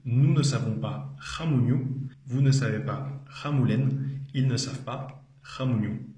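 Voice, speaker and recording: A man's voice: mid-range voice, measured pace, warm tone, roomy sound. A man giving an explanatory video lesson as a language teacher, patiently repeating each phrase with frequent hesitations.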